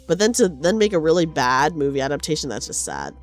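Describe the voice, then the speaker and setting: A woman's voice: sits low, very animated, fast talker, faint music behind. A woman streamer chatting casually and expressively, swearing a bit and reading game dialogue aloud. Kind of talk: casual livestream chat mixed with dramatic read-aloud of game dialogue.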